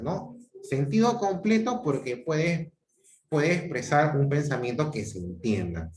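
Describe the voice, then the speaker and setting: A man's voice: fairly high pitch, echoey room. A man teaching a grammar lesson over a video call with a Peruvian Spanish accent, explaining step by step with frequent tag questions and restarts. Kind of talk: online grammar lecture. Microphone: computer mic on a video call.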